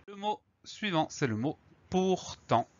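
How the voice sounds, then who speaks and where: A man's voice: high voice, animated, slow pace, no echo, highs cut off. A man teaching a spelling lesson, spelling words out letter by letter and explaining each one patiently before a dictation.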